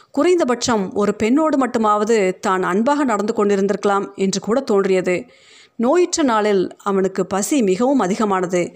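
A woman reading a short story aloud in a steady narrating voice that lifts a little for the characters' words. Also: mid-range voice.

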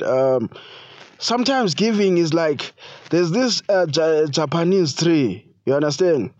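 Pastor, man, fairly high voice, loose filler-heavy preaching, dry and muffled recording. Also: a little mellow, dry recording. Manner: halting, many fillers like "you know" and "you see"; casual preaching with slang. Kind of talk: sermon.

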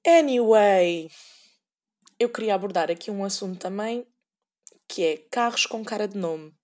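Young woman, European Portuguese accent, solo podcast rant, sarcastic, rambling, middle pitch. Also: animated, measured pace, darkish tone. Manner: chatty, rambling, sarcastic, acts out quoted voices. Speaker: podcast host.

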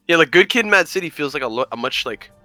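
A man in his twenties chatting casually as a podcast host, animated and full of "like". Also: fairly high pitch, quick pace, faint music behind. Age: 20s. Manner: animated, lots of "like". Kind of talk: casual chat.

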